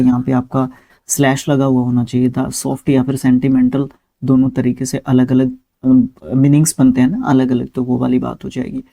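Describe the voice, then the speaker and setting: This is a man with an Indian accent teaching English words, his voice warm and soft-edged rather than bright. He works slowly through each word, switching between Hindi and English as he explains. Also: medium pitch. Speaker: vocabulary teacher. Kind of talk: spelling and vocabulary lesson.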